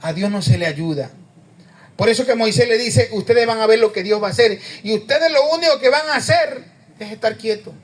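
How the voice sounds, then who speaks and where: Man, preacher, high pitch, conversational sermon, questions to congregation. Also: brisk. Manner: conversational, questioning the congregation, says amen often.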